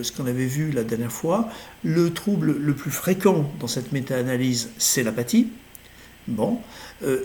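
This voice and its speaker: Middle-aged lecturer, fairly high voice, hesitant with fillers, some faint background noise. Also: male voice, darkish tone. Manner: hesitant, many fillers and self-corrections. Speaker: lecturer in neurology. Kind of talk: recorded lecture over slides.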